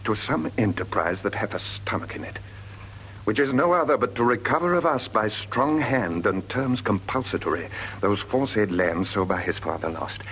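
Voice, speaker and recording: Grave and explanatory, a scholarly gentleman in an old Shakespearean radio play shapes his verse with measured, stately rhetoric as he faces dread omens. His declamatory voice is low but a bit bright, heard through a dull recording with some noise.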